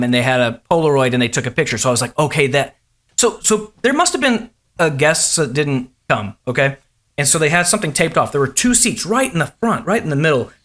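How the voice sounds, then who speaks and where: Bright-voiced storyteller from Oklahoma. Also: male voice, mid-range voice. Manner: acts out voices in his anecdotes. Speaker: guest. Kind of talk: animated storytelling.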